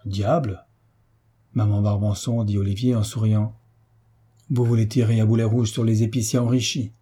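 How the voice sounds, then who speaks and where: Narrator plays a gentle young soldier, reassuring, mellow and a little breathy. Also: male voice, lowish voice, little pitch movement, moderate pace. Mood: earnest. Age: young adult. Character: kind earnest young soldier nephew.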